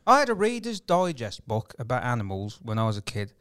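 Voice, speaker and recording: A man with a smooth, resonant voice chats casually on a podcast. He reminisces, then reads facts out in a halting way. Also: medium pitch, wildly swooping pitch, fairly bright tone. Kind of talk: casual chat.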